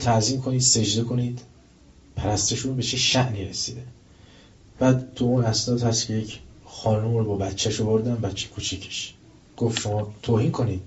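Man, religious lecture, storytelling, slow recited verses, muffled lo-fi sound. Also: lowish voice, warm tone, slight background noise. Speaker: preacher. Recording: dull lo-fi recording.

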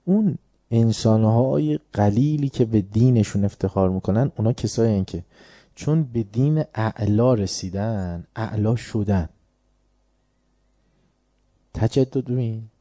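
A man's voice: lowish voice, warm tone, no echo, studio quality. A man giving an informal religious lecture as a preacher, talking conversationally and often putting rhetorical questions to his listeners.

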